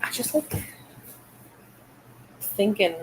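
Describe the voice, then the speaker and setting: Drawing out her words, a woman hosts a relaxed late-night livestream in a home room lit by fish tanks. Her talk wanders and hesitates, packed with fillers and trailing thoughts. There's slight background noise and the recording quality is low.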